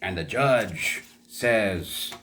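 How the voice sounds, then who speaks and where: A man's voice: sits low, animated, drawn-out words, pushed and bright, slight background noise. A man telling a folk tale for learners in a chatty way, stopping to ask his listeners questions and explain words. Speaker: storyteller.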